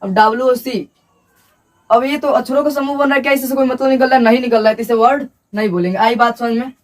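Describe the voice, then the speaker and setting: A man's voice: extremely high pitch, fairly even intonation, fast talker, recorded from a distance. A male teacher giving a classroom lecture at a board, repeating points and asking and answering his own questions.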